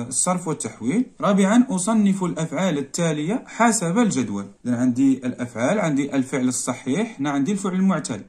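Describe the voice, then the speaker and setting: A man with a Moroccan Arabic accent, a primary school teacher going through a worksheet and repeating each word slowly, drawn out for the pupils. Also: on the high side, a little mellow. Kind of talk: explaining a worksheet lesson.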